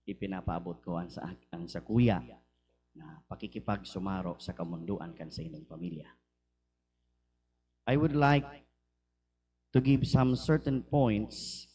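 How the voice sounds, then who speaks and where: Deep, mellow Filipino priest. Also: male voice, lively intonation, a little slow, long pauses. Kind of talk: liturgical gospel reading and homily. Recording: noisy recording with low hum.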